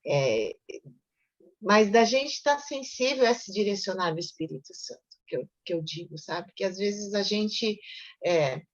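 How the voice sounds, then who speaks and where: In a muffled, lo-fi recording, a woman with a Brazilian Portuguese accent chats at a Bible study and shares a personal story. She's animated and unhurried with a medium pitch, repeats words, and keeps tagging on "right?".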